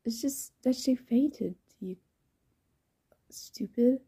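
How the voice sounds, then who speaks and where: A woman whispering as a curt, calm young man, whispered role-play. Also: on the high side, slow pace, slightly rough, full character voice. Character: calm, blunt young male friend.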